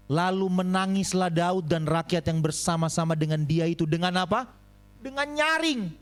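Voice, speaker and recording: Man, pastor preaching, high voice, lively swings of pitch, calls for amens, faint music behind. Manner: animated, swings between loud high exclamations and low asides. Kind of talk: sermon. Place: church.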